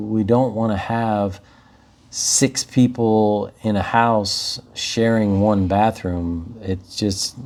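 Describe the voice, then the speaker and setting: A man's voice: fairly low pitch, mellow. A man who hosts short-term rentals, explaining tips in an easygoing, casual advice chat.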